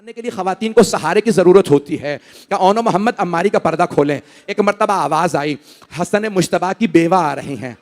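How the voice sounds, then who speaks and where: Male cleric, very high voice, Muharram majlis sermon, mournful chanted lament, loud drawn-out wails, addresses the gathering.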